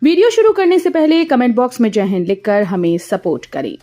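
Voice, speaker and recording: A woman reading a scripted regional news bulletin in a steady, formal voice. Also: on the high side, fairly quick. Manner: steady formal headline delivery. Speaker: news reader.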